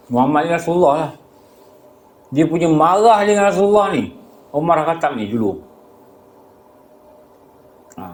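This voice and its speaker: A man's voice: a little high, a little mellow. A man with a Malaysian Malay accent giving a mosque lecture, telling a story with rhetorical questions and acting out the dialogue. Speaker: religious teacher. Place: prayer hall. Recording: echoey prayer hall.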